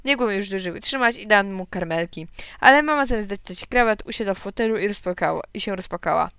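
A woman narrating a children's storybook in a lively, expressive way. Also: mid-range voice, fast talker, smooth, no echo, clean studio sound. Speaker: audiobook narrator. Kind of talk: storybook reading.

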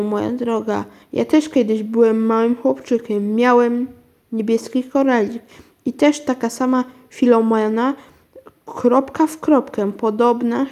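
A woman's voice: a little high, mellow, lightly acted. A woman voicing an agitated, protective male taxi driver in a children's story. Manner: urgent, agitated.

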